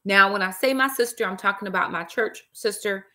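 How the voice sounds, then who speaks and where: This middle-aged woman, an author and live-stream host, talks fairly quickly in a medium-pitched, sharp-toned voice. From an armchair in a small room, she chats casually on her laptop webcam, throwing in "y'all" and praise interjections.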